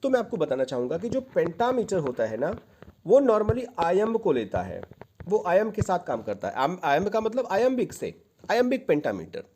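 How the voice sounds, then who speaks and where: A man's voice: sits high, wildly swooping pitch, moderate pace, darkish tone. A male teacher giving an exam-prep lecture, patiently explaining and repeating key points, mixing English terms into his Hindi. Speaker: literature teacher.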